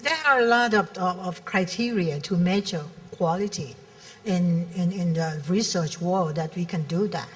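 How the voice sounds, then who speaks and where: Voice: mid-range voice, normal speed, recorded from a distance. A panelist giving frank advice in a conference panel discussion, often repeating words as she or he speaks. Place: convention hall.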